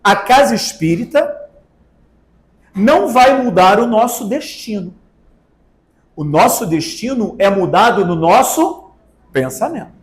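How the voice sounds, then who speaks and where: A man's voice: high-pitched, animated, unhurried, long pauses. A man with a Brazilian accent giving a spiritist talk to an audience, asking rhetorical questions and drawing out words for emphasis. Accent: Brazilian Portuguese. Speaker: spiritist lecturer. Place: spiritist center meeting hall. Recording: echoey hall.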